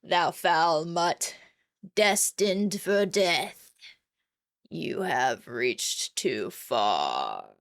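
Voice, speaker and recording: A woman voicing a menacing game god who pronounces doom in a slow, drawn-out, ominous way. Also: low voice, sing-song, gravelly, no room sound, studio quality, heavily acted. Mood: ominous threat. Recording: music behind the voice.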